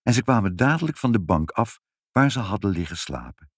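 A man reading a children's story aloud in an expressive, animated way. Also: lowish voice, fairly quick, slightly rough, no echo, studio quality.

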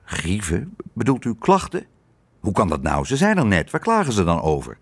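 A man's voice: fairly low pitch, huge pitch swings, normal speed, slightly rough, exaggerated voice. A man reading a storybook aloud, voicing a kind-hearted male cook who protests earnestly and sticks up for the birds. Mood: puzzled.

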